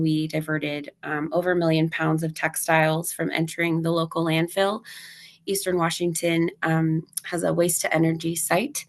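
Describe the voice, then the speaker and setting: A woman whose voice is still weak after laryngitis presents in a webinar. Her voice sits very low and stays flat, with a gravelly fry, and she moves steadily through her slides. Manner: steady, informative delivery that cues slides. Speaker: nonprofit thrift store operations director.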